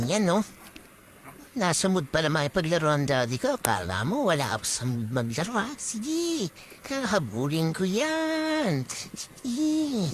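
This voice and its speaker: A playful little pet dog speaks in a lively, sing-song voice, teasing and clinging to her owner, as a woman puts her on. The voice sits a touch low but swoops up and down all through the lines. It is a casual pet vlog voice-over with a faint hum of noise behind it.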